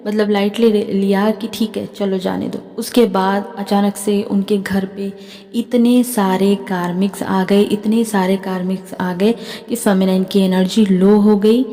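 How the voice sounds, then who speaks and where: A woman with an Indian accent shares spiritual guidance and dreams in a chatty talk to camera. Her voice is mellow and unhurried in tone, and it trails off into a long reverb. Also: medium pitch. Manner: chatty, keeps adding "theek hai". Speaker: spiritual healer and tarot reader.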